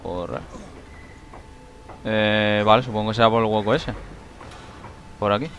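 A man giving excitable let's play commentary, shrieking when he panics. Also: on the low side, a little slow, slight background noise. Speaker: gaming YouTuber.

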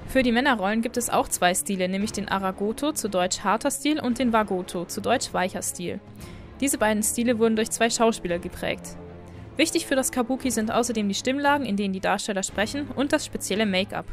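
A woman with a voice on the high side narrates a scripted explainer video, speaking a little fast. She's friendly and apologetic about her pronunciation, and faint music plays under the voice-over.

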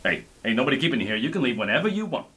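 A man's voice: medium pitch, sing-song, racing, sharp tone, breathy edge, heavily acted. A man voicing a bossy, wisecracking male puppet host in a sketch comedy show, often scolding his partner. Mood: coaxing.

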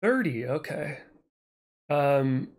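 A player in a tabletop game, talking through plans in an animated way. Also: medium pitch, extremely slow. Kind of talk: tabletop game play, casual.

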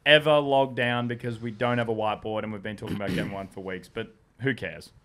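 A man's voice: fairly low pitch, steady tone, fast talker, fairly bright tone. An Australian man co-hosting a podcast who reviews beers, joking around and interrupting in casual banter. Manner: jokey interruptions, laughs often. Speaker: podcast co-host, beer reviewer.

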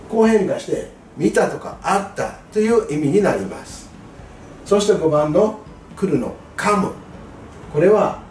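A man tutoring exam students in English grammar, patient and clear, stressing key words with a rise in pitch. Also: darkish tone, far from the mic, slight background noise. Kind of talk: lesson explaining grammar. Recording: echoey room, voice away from mic, faint music.

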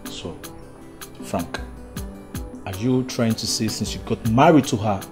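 An actor with a Nigerian accent playing a calm male friend who soothes and coaxes. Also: fairly low pitch, a little slow, loud music behind the voice, natural voice. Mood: soothing. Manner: soothing, coaxing. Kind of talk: film comedy acting.

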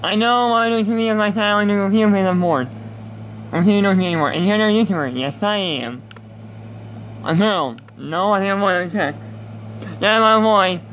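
A man's voice: high voice, fairly quick, fairly bright tone, a little hiss or hum, rough recording. A man in his twenties, a YouTuber, rambling as he reads game questions aloud and answers them offhandedly. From United States. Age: 20s. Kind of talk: casual gaming commentary.

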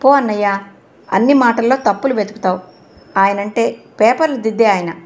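Brief: woman reading as a soft-spoken young student daughter, a little high-voiced. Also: moderate pace, natural voice. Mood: teasing.

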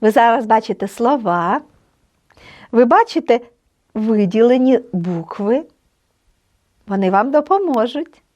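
Woman teacher for an online lesson: unhurried, patient delivery, slow careful word drills. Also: fairly high pitch, expressive, a little mellow, highs cut off. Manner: encouraging, pronounces example words slowly and carefully. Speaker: Polish language teacher.

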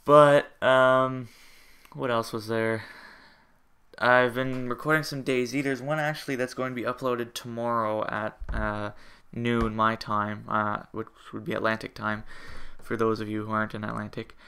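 A young man talks through a casual update on his gaming channel from home. His voice is bright and crisp, and he rambles with frequent fillers, self-corrections and half-finished sentences. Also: medium pitch, flat delivery, moderate pace. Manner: rambling, hesitant, many fillers and restarts.

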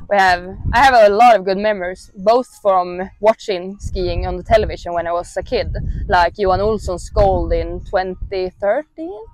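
A young woman with a Swedish accent answers interview questions in a relaxed, halting way, leaning on fillers as she talks. She is outdoors in a mountain meadow, and her lapel mic gives a dry, close sound with no reverb. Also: mid-range voice. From Sweden. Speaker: athlete interviewee.

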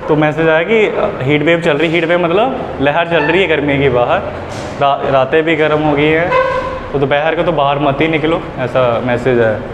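A young English teacher patiently explains a lesson to students in a classroom with a whiteboard, moving between Hindi and English and repeating examples at a normal pace. His slightly high voice carries through the echoey room to a far-off camera, with steady background noise and a muffled quality.

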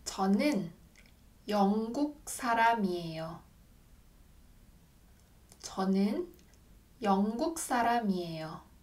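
A young woman teaching a language, saying short model phrases slowly and clearly for learners to repeat, recorded in a small room on a desk camera. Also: mid-range voice, expressive, darkish tone. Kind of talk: slow, clearly articulated lesson drills.

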